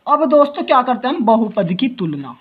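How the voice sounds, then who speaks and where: A man's voice: very high voice, big pitch swings, a little fast, husky, muffled recording. Man teaching math, asks questions constantly. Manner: keeps asking rhetorical questions and calls listeners brother. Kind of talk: classroom math lecture.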